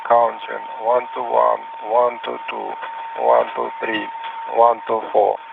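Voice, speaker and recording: A space station crew member, a man, running a clipped, steady radio voice check over a crackly spacecraft radio link. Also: on the low side, takes it slowly, gravelly, phone-quality sound. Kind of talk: radio voice check, counting off numbers.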